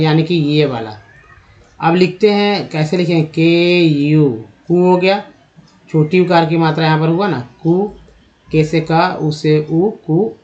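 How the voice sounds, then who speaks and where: Slow-talking man teaching English. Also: on the high side, darkish tone. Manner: reads word lists aloud; addresses viewers as friends. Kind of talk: slow spoken lesson. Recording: dull lo-fi recording.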